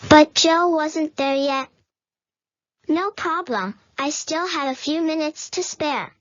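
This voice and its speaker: A woman narrating a children's storybook in the first person, reading out even the sound words plainly. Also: sits high, slow pace, highs cut off.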